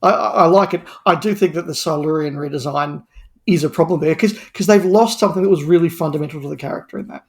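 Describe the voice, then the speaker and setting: In a spirited, opinion-heavy panel discussion, a male podcast guest talks fast, stressing his points through repetition of words and phrases. His pitch is fairly high and his tone a little mellow.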